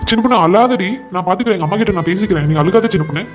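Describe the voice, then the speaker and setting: A young cartoon husband, voiced by a man, firm and pleading by turns as he reasons with his mother. His voice sits high for a man, and he races through his lines at a breakneck pace. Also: rapid-fire, a little hiss or hum, close to an everyday voice. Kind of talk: comic cartoon voice acting.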